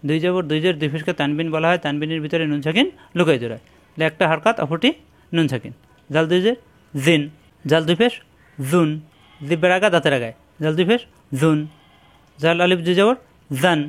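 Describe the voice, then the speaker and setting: A man with a Bangladeshi Bengali accent teaching Quran letter pronunciation, repeating each syllable slowly and explaining how to shape it. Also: fairly high pitch. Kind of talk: slow drilled recitation lesson.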